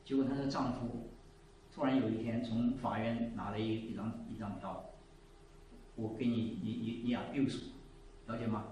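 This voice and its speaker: A man in his seventies giving a sermon and telling a story, moving between loud exclaiming and quiet asides. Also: mid-range voice, fairly even intonation, normal speed, distant mic, muffled recording, slight background noise. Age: 70s. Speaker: preacher. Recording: echoey room, voice from off the mic.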